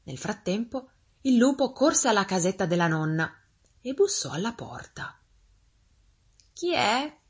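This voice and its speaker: A woman reading a fairy tale aloud as a storyteller, expressive and gently paced. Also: mid-range voice, normal speed, slightly rough.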